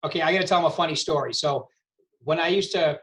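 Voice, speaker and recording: A man's voice: a little high, fast talker, a bit bright. A middle-aged man coaching a real estate team over a video call, punchy and repeating his points for emphasis. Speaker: sales coach.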